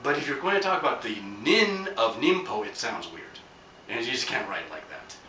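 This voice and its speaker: A man's voice: medium pitch, very animated, brisk, pushed and bright. A man hosting a podcast, giving a rambling, joking lesson full of fillers and asides. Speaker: podcast host teaching Japanese. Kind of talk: casual spoken lesson. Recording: roomy, distant from the mic, faint background hum.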